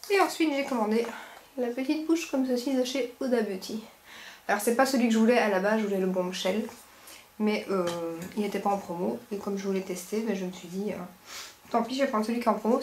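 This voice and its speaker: A beauty vlogger with a Belgian French accent and a medium-pitched, slightly mellow voice casually rambles through her shopping haul, fixing her words along the way. The recording is echoey, with faint background noise.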